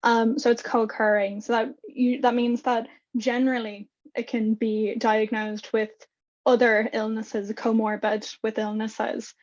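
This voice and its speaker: A young woman gives part of a youth workshop presentation, moving haltingly and correcting herself as she goes. Her voice sits a bit high. The recording sounds slightly dull and muffled. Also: little pitch movement, darkish tone. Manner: halting, self-correcting with fillers.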